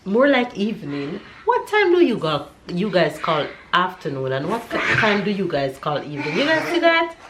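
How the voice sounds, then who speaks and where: A Jamaican woman in her thirties with a stuffy nose chats casually to her camera and her kids in her home kitchen for a family vlog. Her fairly low voice swings hugely in pitch, at a moderate pace with few pauses. The room sounds echoey and noisy.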